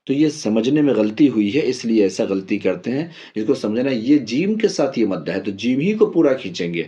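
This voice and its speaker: A man teaching Quran reading as a step-by-step lesson, patiently spelling out letters slowly and repeating each drill. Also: medium pitch, sing-song, dark tone, dull audio.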